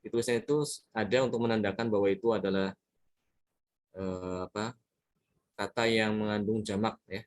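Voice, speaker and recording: This man's lowish voice keeps a steady tone at a normal speed, broken by frequent pauses, as he teaches Quran recitation rules. It's a tajwid lesson built around examples, and he patiently repeats words and illustrations while regularly checking on those listening.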